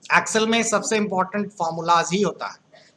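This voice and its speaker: With a high pitch, a fairly bright tone and a moderate pace, a man lectures a computer class. He comes from Uttar Pradesh, speaks with that region's Hindi accent, and keeps quizzing and joking with his students.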